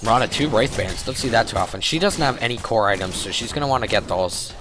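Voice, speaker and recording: A young man with a voice hoarse from a cold, excitedly commentating a video game and often correcting himself as he rambles. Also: fairly low pitch, fast. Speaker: game caster.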